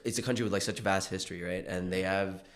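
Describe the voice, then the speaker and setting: A young man born in India, talking about his clothing brand as a podcast guest in a relaxed, rambling way full of fillers and restarts. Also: deep voice, quick pace. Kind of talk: casual podcast conversation.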